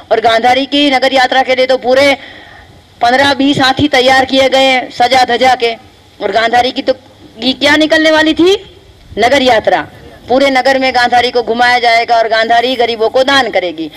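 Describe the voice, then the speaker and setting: High-voiced woman telling a children's story. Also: moderate pace, rough recording. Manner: lively, quizzes listeners.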